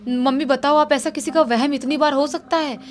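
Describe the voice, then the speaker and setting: A woman's voice: high-pitched, fairly even intonation, moderate pace, faint music behind, voice pushed up, lightly acted. A woman voicing a frightened young wife who stammers and repeats herself nervously.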